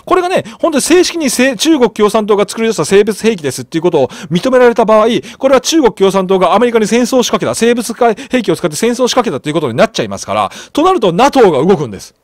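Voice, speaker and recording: A man with a high, lively voice rattles through news commentary at a quick clip. He repeats key phrases, trails off into fillers and sounds eager to share. The recording is dry and close, with no room sound. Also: dry recording. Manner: excitable, repeats phrases, thinks aloud with fillers. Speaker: commentary channel host. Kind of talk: casual online commentary reading news.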